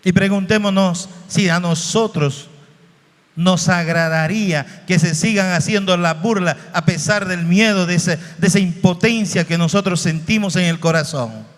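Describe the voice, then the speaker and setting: A man from Bolivia preaching a sermon slowly and emotionally, with dramatic shifts in his voice. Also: sits high. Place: church hall. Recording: reverberant hall.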